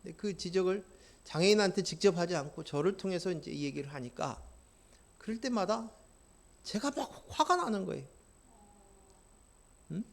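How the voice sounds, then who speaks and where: A male pastor preaching a sermon, impassioned and swinging from quiet to loud, often putting questions to the congregation. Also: sits high, expressive, normal speed, creaky, pauses often.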